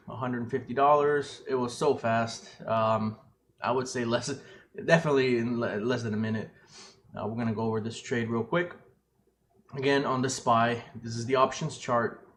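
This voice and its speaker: A man recapping a day trade in a casual, rambling way, full of fillers and restarts, heard through a low-quality webcam microphone. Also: a little hiss or hum. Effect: low-quality webcam microphone sound. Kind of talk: casual screen-share trading recap.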